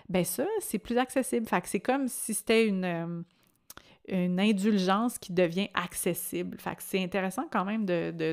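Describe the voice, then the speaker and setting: A woman's voice: fairly low pitch, creaky. A woman in her late thirties with a Québécois French accent, hosting a podcast in a chatty, reflective monologue and laughing often. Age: late 30s. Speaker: podcast host.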